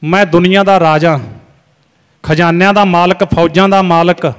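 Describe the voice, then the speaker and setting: A man's voice: high voice, steady tone, normal speed, smooth, lightly acted. A man voicing a proud, mighty emperor who boasts to his mother, in a sermon story. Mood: boastful. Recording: long hall reverb, faint music.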